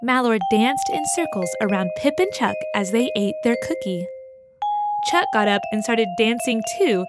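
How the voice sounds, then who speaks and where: A woman reading a children's story aloud with gentle, expressive storytelling. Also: a little high, normal speed. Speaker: narrator. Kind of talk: scripted children's story narration. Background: music for children.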